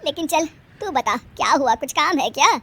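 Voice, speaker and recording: Elderly cartoon mother-in-law, woman performer: grumbling, weary, high voice, sharp-tongued and scolding. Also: animated, moderate pace, full character voice. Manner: scolding, sarcastic. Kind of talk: animated family drama storytelling.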